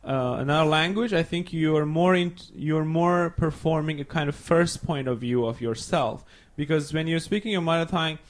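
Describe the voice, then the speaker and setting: Speaking at normal speed with hardly any pauses, a young adult podcast guest from Iran talks casually in English, groping for words in his second language after Farsi. His voice is a little high.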